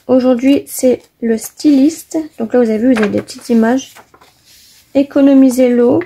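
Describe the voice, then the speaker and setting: Female craft vlogger, husky and warm, casual enthusiastic delivery. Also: sits high, steady tone, normal speed. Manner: chatty, enthusiastic, many fillers. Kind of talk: casual magazine flip-through.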